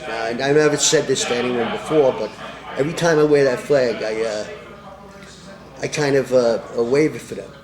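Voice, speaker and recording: A man's voice: medium pitch, normal speed, echoey room, crowd noise. A middle-aged man leading a swim club, talking in a casual interview, boisterous and full of uh fillers. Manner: boisterous, hesitant with many uh fillers. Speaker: polar bear club ringleader.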